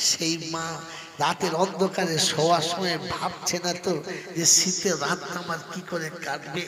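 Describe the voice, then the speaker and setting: A male Islamic preacher telling an emotional story, shifting from hushed narration to impassioned cries, at an outdoor religious gathering. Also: fairly high pitch, echoey room, big-room sound.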